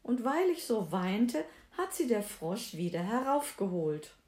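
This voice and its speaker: A woman's voice: fairly high pitch, very animated, a little slow, warm tone. A woman voicing a spoiled young princess in a fairy tale reading, eager and pleading, in a roomy echo. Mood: frightened.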